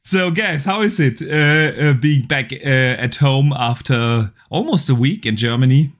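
A man's voice: mid-range voice, expressive, a little slow. Upbeat male podcast host. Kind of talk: casual podcast chat.

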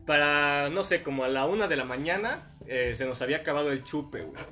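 A man with a Mexican Spanish accent telling a long anecdote in slangy, animated casual podcast chat. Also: on the high side, a little fast, a little hiss or hum. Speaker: podcast guest storyteller.

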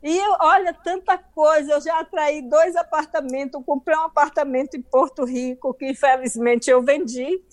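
A woman's voice: high-pitched, moderate pace, hardly any pauses. A middle-aged Brazilian woman with a Brazilian Portuguese accent, telling her story emphatically as an interview guest.

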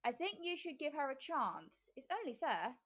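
A woman voicing a calm, fair-minded male woodcutter in a storybook reading. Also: high voice, normal speed, dull audio, pitched above the performer's own voice.

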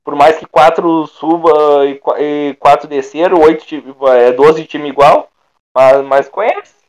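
A man giving his opinions in a casual football debate, halting and restarting often. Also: fairly high pitch. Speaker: football pundit.

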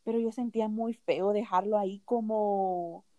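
A young woman hosting a podcast, casually telling a personal story in an animated way, often laughing along. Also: mid-range voice, moderate pace, lo-fi sound. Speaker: podcast host.

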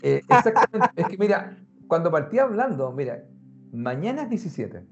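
A man, talking in a casual, animated way and speaking straight to the listener. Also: high voice, moderate pace. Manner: animated, conversational, addresses the listener directly. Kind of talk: casual explanatory talk. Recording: muffled lo-fi sound with faint music.

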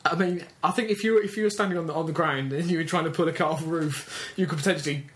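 A man's voice: fairly high pitch, rapid-fire, fairly bright tone. An English man co-hosting a casual comic chat, often stumbling and restarting his sentences. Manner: hesitant, stammering restarts. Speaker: podcast co-host.

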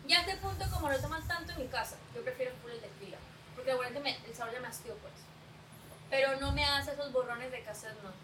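A woman's voice: high-pitched, fast talker, a bit bright, low-quality recording. A woman, telling a story in casual chat and acting out the voices of the people she quotes. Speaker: podcast co-host.

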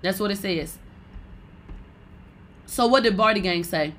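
A woman's voice: mid-range voice, a little slow, a bit bright. A woman delivering an unscripted exposé as a commentator, smug, sarcastic and confrontational, with blunt profane slang and lines repeated for emphasis. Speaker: host and cultural commentator.

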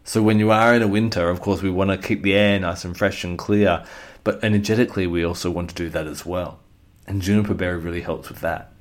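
Male educator, deep-pitched, for an informal explanatory talk with a reflective, direct address. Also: fairly even intonation, a little fast. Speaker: essential oils educator.

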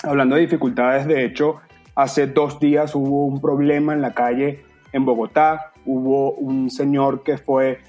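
A husky-voiced young Venezuelan man with a Venezuelan accent chats on a podcast. He talks at length, earnest and open, with a faint bed of music under him. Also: on the high side, darkish tone. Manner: talkative, earnest, slips into playful voices. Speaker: podcast guest. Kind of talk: casual podcast chat.

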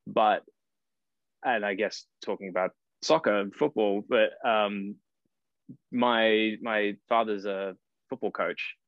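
An Australian man in his early thirties talks as a podcast guest in a somewhat low voice. He rambles, restarts and corrects himself as he goes. The call audio is dry and a little dull. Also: slow pace, pauses often, no echo. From Cairns, far north Queensland, Australia. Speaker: guest actor. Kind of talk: casual podcast interview.

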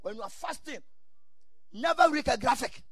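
A man's voice: very high-pitched, lively intonation, moderate pace, creaky, fairly bright tone, husky, dry recording, clean studio sound. A man with a Ghanaian accent preaching a sermon in exhorting, repeated short phrases, mixing English with Ghanaian Pidgin and Twi.

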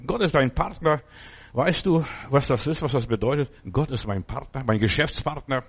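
A man's voice: mid-range voice, normal speed, slightly rough. A middle-aged man preaching a sermon in a folksy, rambling way, often asking his listeners whether they understand.

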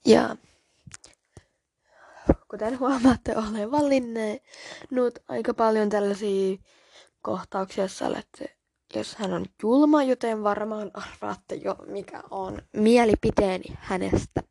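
A woman's voice: mid-range voice, fairly even intonation, creaky, warm tone, no echo, clean studio sound. A woman hosting a podcast, reading book scenes aloud and stepping out for casual, slightly apologetic asides.

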